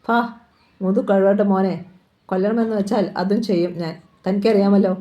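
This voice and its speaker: A woman's voice: mid-range voice, steady tone, normal speed, mellow, dull audio, lightly acted. A woman reading the part of an arrogant male chief minister, smug and threatening, in a storybook reading. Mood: menacing.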